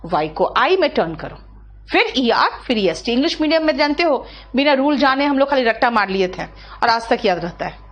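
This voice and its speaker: Woman teaching, high and lively. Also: dull audio. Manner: explains slowly, drawing out words syllable by syllable; asks students questions, checks understanding. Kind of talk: classroom grammar lesson.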